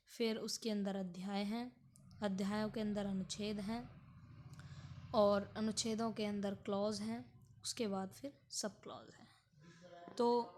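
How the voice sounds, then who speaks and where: Slow-paced woman teaching a lecture. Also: mid-range voice, a little mellow. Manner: slow, explanatory, repeats points for students. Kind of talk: exam-prep lecture.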